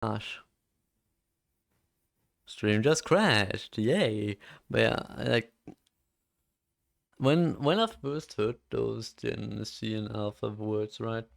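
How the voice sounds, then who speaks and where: A man's voice: on the low side, extremely slow, gravelly, pauses often. An eighteen-year-old man streaming live, chatting casually while he codes, rambling with lots of "like" fillers and frequent swearing.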